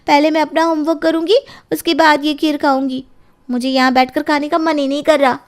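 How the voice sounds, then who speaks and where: A woman's voice: high-pitched, flat delivery, brisk, natural voice. A woman voicing a sulky, whiny eight-year-old girl in a cartoon storybook.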